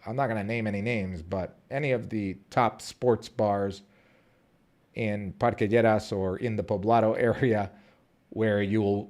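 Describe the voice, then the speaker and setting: Lowish and darkish in tone, this man in his thirties, from Colombia but raised in Southern California, vlogs unscripted to camera. He rambles, restarts sentences often, and uses lots of fillers.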